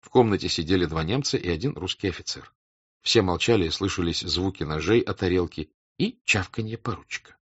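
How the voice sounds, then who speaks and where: A man narrates a classic novel with a measured, expressive delivery. His low voice is husky and moves a lot in pitch. The recording sounds dull and dry. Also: dry recording. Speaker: audiobook narrator.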